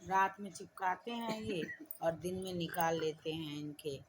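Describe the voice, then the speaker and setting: A woman's voice: fairly low pitch, unhurried, slight background noise. A woman vlogging at home on a phone, plainly explaining the daily routine of caring for a child. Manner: coaxing, repeats prompts to the child; plain, matter-of-fact explaining. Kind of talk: casual home vlog.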